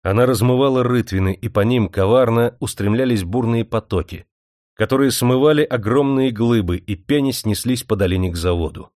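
A man narrating a novel in steady, measured storytelling. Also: mid-range voice, no echo. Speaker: audiobook narrator. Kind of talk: scripted narration. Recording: dry studio audiobook recording.

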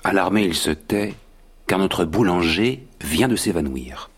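A man narrating a French radio drama in a lively storytelling manner. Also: low voice, unhurried, husky, full character voice.

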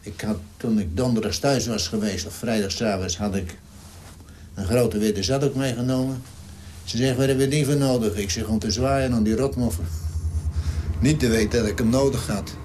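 A man's voice: medium pitch, normal speed, a little mellow, a little hiss or hum. A man in his nineties, a war veteran, telling his story in an interview in a blunt, salty way and acting out the dialogue. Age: 90s. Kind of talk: vivid wartime storytelling interview.

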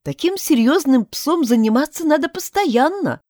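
A woman's voice: high-pitched, animated, normal speed, darkish tone, dry recording, clean studio sound, pitched above the performer's own voice. A woman voicing a puzzled, questioning young woman in a storybook reading.

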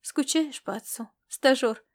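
A woman voicing a calm, gently reassuring young woman. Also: high voice, a little slow. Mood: calm gentle. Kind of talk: audiobook character reading.

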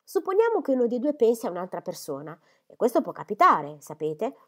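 A woman's voice: fairly high pitch, wildly swooping pitch, fairly quick, fairly bright tone, pitched above the performer's own voice, heavily acted. A woman voicing an earnest young girl who speaks in a pleading, indignant way.

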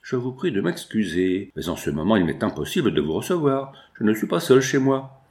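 A man's voice: lowish voice, sing-song, a little fast, darkish tone. A man voicing a flustered army captain who gives curt, urgent orders in an audiobook. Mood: hurried. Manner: urgent, clipped.

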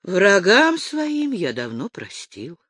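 A woman voicing a humbled, sly old prince, who speaks in a low, quiet, resigned way. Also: wildly swooping pitch, slow pace, husky, dry recording, clean studio sound, heavily acted. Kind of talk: audiobook reading.

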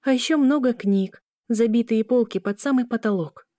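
A woman's voice: a little high, moderate pace, dark tone, no echo, studio quality, voice pushed up, lightly acted. Woman doing a tearful young daughter. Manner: pleading, shaky.

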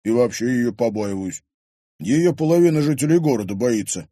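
A man's voice: mid-range voice, expressive, moderate pace, warm tone, no room sound, clean studio sound, pitched above the performer's own voice, natural voice. A man voicing a cheeky, sociable teenage boy who talks in a breezy, joking way. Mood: dismissive.

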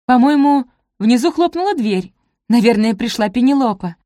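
A woman doing an excitable, quarrelsome young sister. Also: on the high side, moderate pace, dry recording, studio quality, voice pushed up, close to an everyday voice. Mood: heated.

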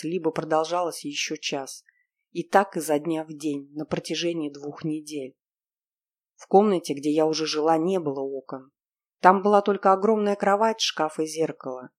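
Woman reading an emotional first-person story. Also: sits low. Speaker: narrator.

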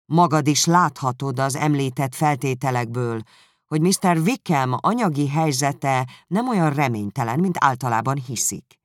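Man reading a novel aloud, gravelly voice, dry close sound, steady pace. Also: medium pitch, dry recording. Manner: even, measured reading. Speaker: audiobook narrator. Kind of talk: scripted literary narration.

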